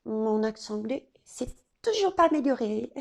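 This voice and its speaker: A woman giving an oracle card reading, talking straight to the viewer and pausing often on fillers. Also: on the high side, expressive, vocal fry, a little mellow. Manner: hesitant, many fillers and restarts, addresses viewers directly. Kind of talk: casual spoken card reading.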